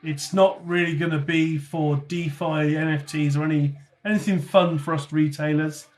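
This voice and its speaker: A chatty man with a slightly high voice. He hosts a casual livestream and answers viewer comments one after another in a loose, offhand way, swearing now and then. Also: steady tone, moderate pace, a little mellow. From North Somerset, England. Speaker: livestream host.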